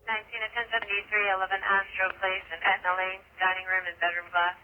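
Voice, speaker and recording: A woman's voice: medium pitch, flat delivery, quick pace, slight background noise. A woman dispatcher reading out police calls in a clipped, businesslike way over two-way radio. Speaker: emergency dispatcher. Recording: tinny phone-like police scanner audio.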